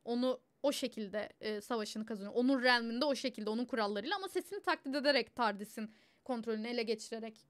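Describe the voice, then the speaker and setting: A young woman hosting a casual group chat, animated and laughing often. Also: on the high side, fast talker. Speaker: host.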